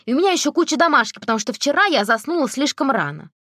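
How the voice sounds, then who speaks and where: A woman's voice: high-pitched, sing-song, racing, a bit bright, no echo, clean studio sound, pitched above the performer's own voice. A woman reading an audiobook, voicing a stubborn teenage girl in exasperated protest.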